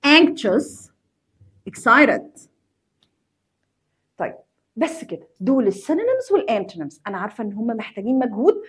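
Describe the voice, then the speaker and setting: High, lively Egyptian woman teacher. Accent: Egyptian Arabic. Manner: reads English words slowly and clearly, then explains them in quick colloquial Arabic; chatty, addresses students directly as a group. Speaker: English teacher. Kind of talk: vocabulary lesson for secondary students.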